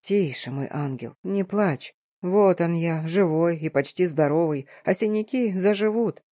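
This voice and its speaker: A woman voicing a wounded young husband who speaks low and tenderly in an audiobook romance. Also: moderate pace, a little mellow, no echo, clean studio sound, natural voice. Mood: tender hushed.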